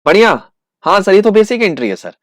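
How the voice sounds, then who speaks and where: A man teaching accountancy in with terms, asking questions and answering them himself, slowing right down to dictate entries. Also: high-pitched, no echo. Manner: lively, asks and answers his own questions, slows to dictate entries. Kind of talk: classroom lecture acting out students' replies.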